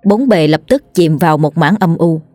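A woman reads a horror story aloud in a fairly low, steady voice. The sound is dry and close, and soft music plays under her narration. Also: normal speed, no room sound. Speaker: audiobook narrator.

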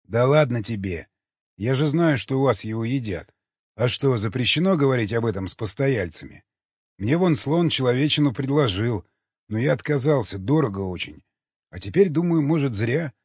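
A man's voice: medium pitch, normal speed, slightly rough, no room sound. A man doing a sardonic cynical cannibal. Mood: cool questioning. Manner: sardonic, teasing, calmly questioning. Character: mocking cynical man, a cannibal, coolly interrogating. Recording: dull lo-fi recording.

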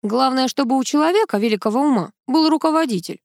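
A woman's voice: sits high, lively intonation, quick pace, a little mellow, no echo, studio quality, voice pushed up. Woman reading Degtyarev, a boastful colonel. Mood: smug. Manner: boastful, lecturing. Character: gruff older male colonel, bossy and self-important. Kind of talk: audiobook character reading.

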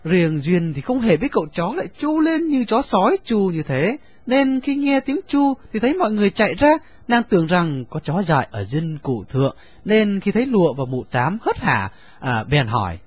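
A man narrating a story in an expressive, lively reading. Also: high-pitched, normal speed, hardly any pauses, slightly rough, dry recording.

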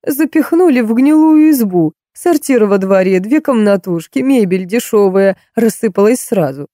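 A woman reads an audiobook, voicing a whiny, wheedling old woman, a drinking pensioner who begs in a cracked, tearful voice. Her medium-pitched, dark-toned delivery is animated, moderately paced, lightly acted and pitched above her natural voice. The studio-quality recording has no echo.

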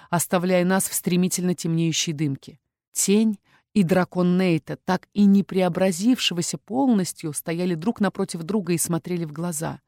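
A woman's voice: on the low side, darkish tone, no room sound, clean studio sound. Woman narrating a fantasy romance audiobook.

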